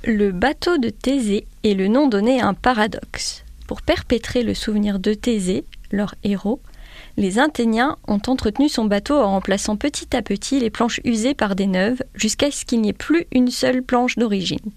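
A woman's voice: a little high, moderate pace, darkish tone, dry recording. Chatty woman presenting a manga. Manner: chatty, self-mocking asides. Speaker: book presenter. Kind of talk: scripted radio book review.

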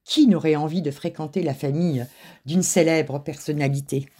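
A woman narrating a children's story in an expressive, animated way. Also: low-pitched, moderate pace, very noisy.

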